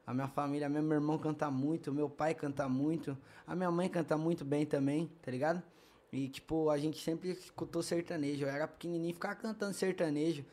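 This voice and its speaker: Young male funk MC, slightly high voice, slushy tongue-tied lisp, São Paulo accent, slangy casual storyteller who repeats himself. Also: fairly even intonation, fast, darkish tone. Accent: São Paulo state Brazilian. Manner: heavy street slang, repeats phrases. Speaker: guest, funk MC.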